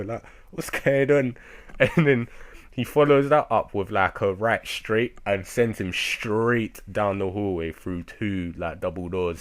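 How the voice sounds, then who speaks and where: A young man casually recapping a manga chapter, rambling and excitable, with lots of fillers and laughs. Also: deep voice. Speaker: manga reviewer.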